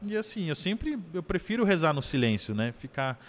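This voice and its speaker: Brazilian man, podcast guest, animated personal storytelling. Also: on the high side, normal speed. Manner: animated storyteller, keeps adding "né?".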